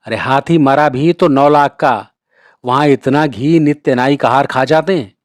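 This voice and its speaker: Man voicing a proud, sharp-tongued young wife. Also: medium pitch, a little slow, no room sound, lightly acted. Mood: indignant. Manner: indignant retorts.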